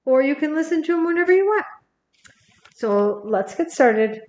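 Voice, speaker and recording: An older woman, a grandmother, reading a picture book aloud on camera and gently talking to her grandchild between pages. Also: high voice, animated, normal speed, echoey room, dull audio. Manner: gentle, talks to the child by name between pages. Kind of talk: recorded bedtime story reading.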